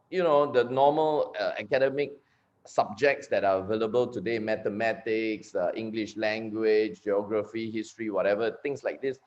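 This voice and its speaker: A man in his forties from Malaysia with a Malaysian accent, giving a chatty recorded conference talk on network marketing, often repeating and restarting words. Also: medium pitch. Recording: slightly dull lo-fi recording.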